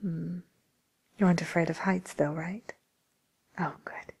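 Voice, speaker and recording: Playing a tactful villains' matchmaker in ASMR, a woman whispers softly with courteous, hesitant patter in a full character voice. It is lowish, steady, and unhurried, gravelly and husky, with a tactful, confiding mood.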